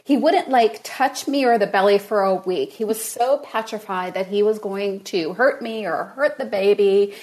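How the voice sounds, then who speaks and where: A woman guest expert on a podcast, telling stories in casual chat with lively laughter. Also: mid-range voice, moderate pace, hardly any pauses. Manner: lively storyteller, laughs along.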